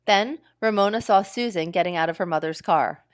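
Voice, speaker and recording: A woman teacher reading a children's book aloud with expressive storytelling. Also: medium pitch, a little fast.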